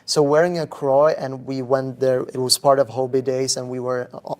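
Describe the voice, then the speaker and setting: A man's voice: medium pitch, level tone, moderate pace, a little mellow. A young man from the Czech Republic, a native Czech speaker, talking thoughtfully in a casual interview and often restarting his sentences. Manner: thoughtful, restarts and repeats words. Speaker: guest, museum visitor.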